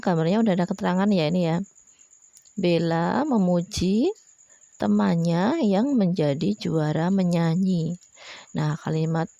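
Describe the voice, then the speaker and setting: Gravelly-voiced woman teacher addressing children. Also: on the low side, dark tone, dry recording, muffled recording. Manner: patient, speaks to children, ends phrases with "ya". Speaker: primary school teacher. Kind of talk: online class lesson.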